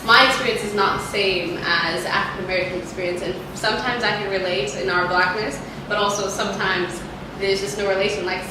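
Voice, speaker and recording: A woman in her twenties from Kenya, talking in a casual, animated way as one of several guests in a living-room chat. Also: mid-range voice, a little fast, background noise. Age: 20s. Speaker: interviewee. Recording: very echoey room, mic set far off.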